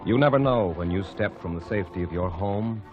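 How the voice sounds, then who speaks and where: Male vintage radio announcer, portentous and deliberate; muffled sound, faint organ behind. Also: on the low side, lively intonation. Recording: dull old radio broadcast with organ.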